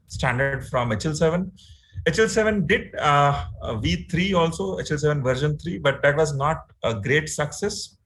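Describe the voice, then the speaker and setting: A man's voice: fairly high pitch, a bit bright, rough recording. A man with an Indian English accent giving an online training lecture, explaining step by step with many fillers and frequent "right?" checks. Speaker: instructor.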